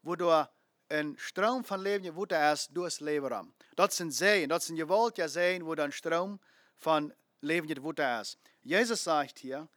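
A man's voice: fairly high pitch, moderate pace, a bit bright, no room sound, studio quality. A man preaching a sermon, emphatic, repeating phrases and asking rhetorical questions.

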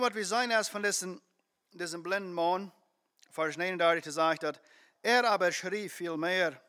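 High, bright-voiced male preacher. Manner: earnest, emphatic storytelling with many fillers. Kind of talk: sermon.

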